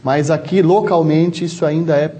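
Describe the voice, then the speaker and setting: Calm man with a São Paulo interior accent. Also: a little high. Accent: São Paulo interior Brazilian Portuguese. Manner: measured, explanatory, many restarts and "né". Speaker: travel medicine doctor, guest. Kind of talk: interview answers.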